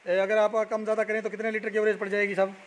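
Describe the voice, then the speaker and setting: A young man from Haryana, India, touring a buffalo shed at night and chatting as a dairy vlogger. He repeats numbers and names back and fills pauses with "a". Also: sits high, monotone, slight background noise. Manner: repeats figures and names back, many "a" fillers. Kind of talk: casual walk-around video with interview.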